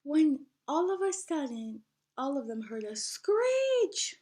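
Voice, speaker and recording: Taking her time, a woman with a high-pitched voice performs a picture book for young listeners like a teacher would, lively and expressive, with easy prompts along the way. There's slight background noise.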